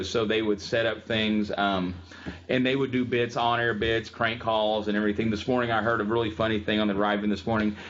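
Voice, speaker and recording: A man's voice: on the low side, a bit bright, highs cut off. A man giving a casual classroom lecture on music history, telling stories in a chatty way with frequent ums.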